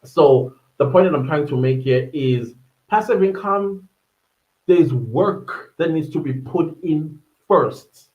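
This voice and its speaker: A man's voice: a little high, lively intonation, takes it slowly, echoey room, phone-quality sound. A man in his thirties from Durban with a South African accent, talking casually on his solo podcast, rambling and searching for words with many fillers. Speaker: podcast host.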